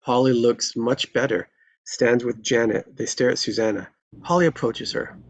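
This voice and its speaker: Reading a screenplay's stage directions aloud at a table read, the narrator delivers scripted present-tense lines in a husky voice. The tone is steady, the pitch mid-range, and the speed normal.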